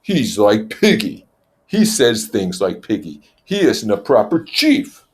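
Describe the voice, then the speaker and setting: A man's voice: on the low side, very animated, slow pace, voice pushed up. A man voicing an aggressive, contemptuous schoolboy hunt leader in a storybook reading, commanding and accusing. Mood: scornful. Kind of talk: storybook character voice.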